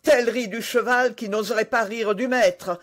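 A man voicing a hot-headed young Gascon swordsman who shouts in indignant fury. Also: extremely high pitch, fairly even intonation, normal speed, pitched above the performer's own voice. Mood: furious.

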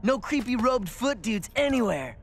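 A man's voice: very high voice, very animated, normal speed, very noisy, heavily acted. A man voicing a goofy, teasing teenage mutant turtle, the youngest brother, who talks in playful slang. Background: cartoon music.

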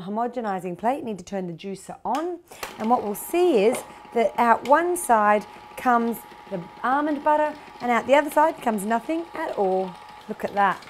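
A woman's voice: on the high side, normal speed, slight background noise. A middle-aged Australian woman hosting a cooking show, chatty and upbeat, explaining each step of a kitchen demonstration on a lapel mic. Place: home kitchen studio.

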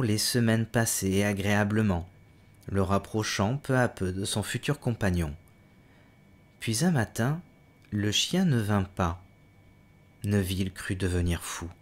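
A man with a fairly low voice reads a novel aloud as an audiobook. His reading is steady and measured, and it rises louder and higher when he voices the hero's cries. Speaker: audiobook reader.

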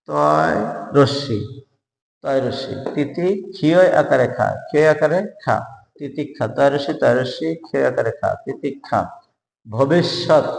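Man spelling words out slowly, echoey. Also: mid-range voice, creaky. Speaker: spelling teacher. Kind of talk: spelling lesson for job exams. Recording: echoey room with long reverb.

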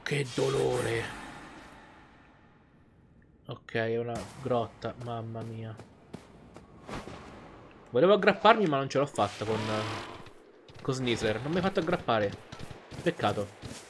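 Over a noisy background with faint game music, a man with a medium-pitched voice speaks slowly and pauses often. The gaming YouTuber offers chatty, exclamatory let's play commentary, thinking aloud and reacting as he goes.

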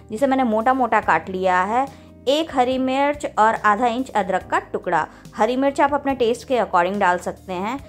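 A woman, host of a cooking channel, giving a recipe voice-over with friendly step-by-step instructions. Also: on the high side.

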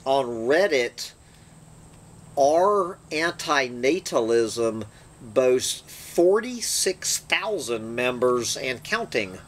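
A man's voice: medium pitch, sing-song, a little hiss or hum. A man hosting his channel, reading an essay aloud with dry, sardonic asides between passages. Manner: slow, deliberate reading with sardonic asides and throat-clearing.

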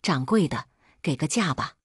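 A woman's voice: low voice, animated, normal speed, husky, no echo, studio quality, exaggerated voice. A woman voicing a greedy, cowardly young male scoundrel who talks in a scheming, fearful way. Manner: pleading, frightened.

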